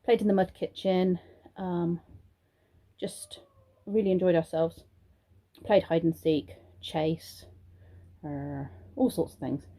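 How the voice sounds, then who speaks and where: A young British woman vlogs at home indoors, her voice on the low side, warm and steady, slow with long pauses. A vlogger and childminder, she chats to camera in a rambling way full of ums, sounding throaty and congested from a sore throat, and slips into sing-song praise when talking to children.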